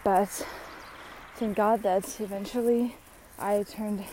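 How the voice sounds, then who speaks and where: Slow-talking young woman venting casually. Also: medium pitch, fairly even intonation, warm tone, a little hiss or hum, low-quality recording. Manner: chatty, blunt, swears, many fillers. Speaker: vlogger.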